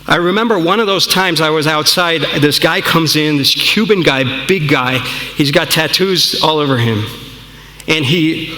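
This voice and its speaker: A man's voice: a little high, pushed and bright. A man giving an earnest, conversational storytelling talk to an audience, often checking in with "right?". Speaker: speaker. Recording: echoey hall, long reverb.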